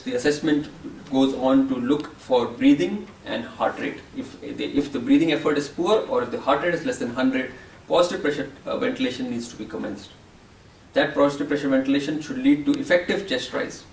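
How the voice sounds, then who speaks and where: A gravelly-voiced man calmly walks through the steps of newborn resuscitation as a teacher. He sits away from the mic, and the room around him echoes. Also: medium pitch, fairly quick, recorded from a distance, a little hiss or hum. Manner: calm, step-by-step explaining. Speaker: medical educator. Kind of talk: teaching summary.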